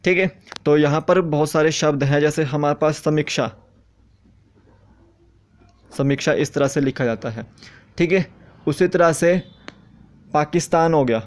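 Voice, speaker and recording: A young man teaching exam students Hindi spelling, slowly repeating each word as he writes it out. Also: a little high. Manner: slow, repetitive, says each word several times. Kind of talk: explaining Hindi spelling rules.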